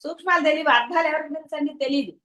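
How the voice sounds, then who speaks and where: A woman's voice: high voice, fairly even intonation, rapid-fire, bright, forceful tone, poor audio. A woman with a Telugu accent giving a devotional discourse as a spiritual teacher, asking her listeners rhetorical questions.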